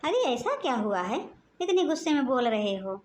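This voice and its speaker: A woman's voice: high voice, sing-song, normal speed, a little mellow. A woman voicing a meek young wife in a cartoon, pleading and placating with her angry husband.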